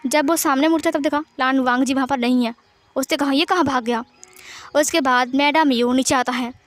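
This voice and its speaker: High-voiced woman retelling a story. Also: a little fast, no echo, soft background music. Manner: plain, steady narration that also voices the dialogue lines. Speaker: fan fiction narrator.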